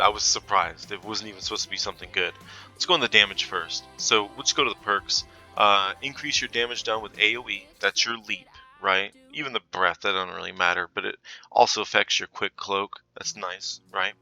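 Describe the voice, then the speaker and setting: A man casually walking through a game character build, chatty and loose, full of fillers and quick self-corrections. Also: lowish voice, bright, forceful tone, poor audio. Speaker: gaming content creator.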